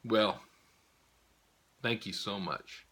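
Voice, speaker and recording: A man's voice: lowish voice, very slow, a bit bright, slight background noise. An older man giving a casual spoken update to viewers, rambling with frequent chuckles and fillers. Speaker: vlogger giving a health update.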